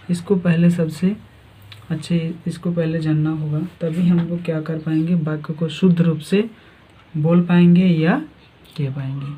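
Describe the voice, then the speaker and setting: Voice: medium pitch, breathy edge. A teacher giving a grammar lesson, asking questions and then answering them. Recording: tinny phone-like sound.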